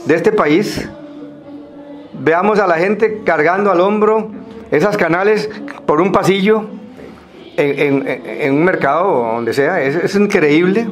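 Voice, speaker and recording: A Costa Rican man speaking semi-formally to a group, explaining things in a halting way with pauses and repeated words. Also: sits high, soft background music.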